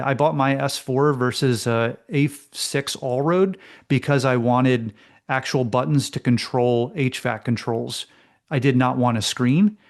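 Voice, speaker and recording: A man co-hosting a casual car talk show, telling a story with lots of fillers. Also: medium pitch. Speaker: co-host. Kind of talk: casual chat.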